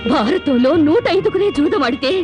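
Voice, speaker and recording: A young wife in a film drama, tearful reproach, very high voice, lively swooping delivery, faint score underneath. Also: female voice, brisk, music in the background. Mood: reproachful. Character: wronged young wife, proud and bitter. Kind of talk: emotional film dialogue.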